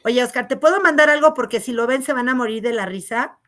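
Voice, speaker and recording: A woman with a loud, resonant voice talks as a guest in a relaxed interview. Her pitch sits on the high side, and she tells her stories in an animated way, stacking up quick asides. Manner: animated, rapid storytelling full of "o sea" asides. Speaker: congresswoman guest. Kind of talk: casual interview talk.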